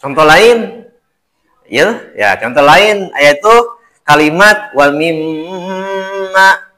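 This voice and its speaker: A man's voice: fairly high pitch, animated, slow, pushed and bright. A man teaching Quran recitation, over-enunciating and stretching key words with emphatic repetition. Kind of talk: spoken tajwid lesson with demonstrated recitation.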